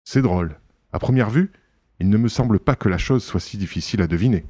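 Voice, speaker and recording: A man reading an audiobook, voicing a calm chevalier who lectures on a crime with slightly dogmatic assurance. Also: fairly low pitch, fairly quick, no room sound, lightly acted. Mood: assured. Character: suave self-assured gentleman sleuth, Italian chevalier. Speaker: reader voicing a character.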